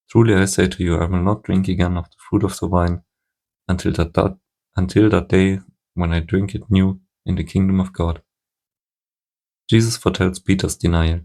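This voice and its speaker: Deep, flat-voiced man reading scripture. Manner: steady reading with frequent small stumbles and restarts. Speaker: Bible reader.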